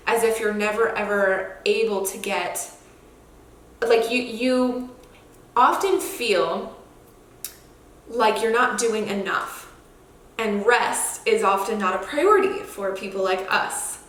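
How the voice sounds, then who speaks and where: A woman's voice: medium pitch, slow pace, long pauses, fairly bright tone. Chatty woman vlogger in an echoey apartment. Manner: chatty, informal, addresses viewers directly. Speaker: wellness vlogger. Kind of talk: casual chat to camera. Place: indoors, newly moved-into echoey apartment. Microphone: wireless earbud microphone. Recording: echoey empty-apartment room, hallway-like echo.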